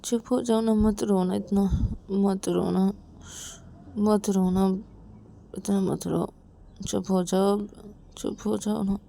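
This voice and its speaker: A woman's voice: on the low side, fairly even intonation, a little slow, gravelly, pauses often, mellow, a little hiss or hum. A woman voicing a caring young man who soothes and coaxes his crying partner, repeating reassurances. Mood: soothing. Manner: soothing, repetitive coaxing.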